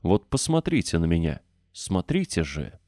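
A man's voice: low voice, sing-song, normal speed, dark tone, dry recording, studio quality. A man voicing a proud, sickly young boy who gives orders in a commanding tone. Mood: furious. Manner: commanding, haughty.

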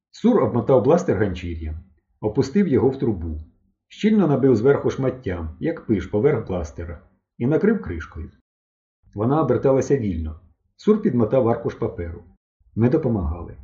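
A man narrating an audiobook in an even storytelling manner. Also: mid-range voice, muffled recording.

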